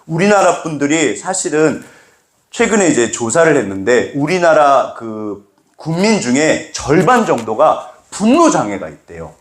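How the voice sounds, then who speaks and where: A middle-aged man preaching a sermon as pastor, acting out little dialogues with sudden jumps in pitch. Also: very animated, unhurried, roomy sound. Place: church sanctuary.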